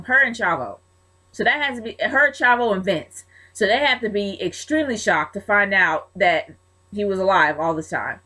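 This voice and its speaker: Female vlogger, mid-range pitch, casual and outspoken; answers viewer questions head-on. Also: fairly bright tone. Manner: frank and chatty, blunt opinions. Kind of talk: casual Q&A commentary.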